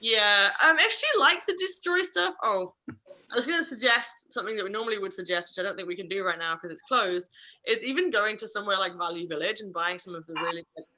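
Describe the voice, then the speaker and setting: A female dog trainer runs an online puppy class, talking fast in a bright, pushed voice. She's chatty, corrects herself as she goes, and now and then slips into a playful high pitch.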